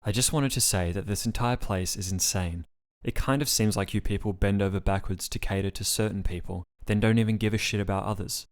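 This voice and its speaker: A man's voice: on the low side, a little fast, lightly acted. A man reading the part of an angry, sarcastic young woman patient in a storybook reading. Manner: sarcastic, swearing tirade.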